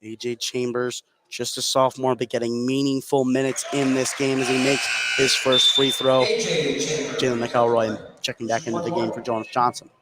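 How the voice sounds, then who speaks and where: A man does live radio play-by-play of a basketball game from courtside in an indoor high school gym, his mid-range voice flat and at a normal pace. The crowd and loud gym ambience come through strongly in this live broadcast.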